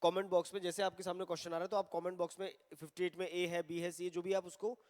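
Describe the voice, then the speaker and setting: High-voiced man teaching grammar. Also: flat delivery, a little mellow, in a large hall. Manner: mixes Hindi and English, reads examples slowly. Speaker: English teacher. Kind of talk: recorded online grammar lesson.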